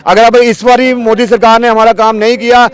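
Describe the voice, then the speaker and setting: A man's voice: very high voice, level tone, fairly quick. A man from Jammu and Kashmir, a contract worker at a street protest, pleading about his unpaid hardship. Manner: aggrieved, pleading.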